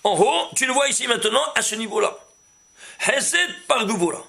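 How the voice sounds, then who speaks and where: A man teaching a kabbalah class as rabbi, asking his students questions and rising to excited exclamations. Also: very high-pitched, normal speed, creaky. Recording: echoey room, faint hum.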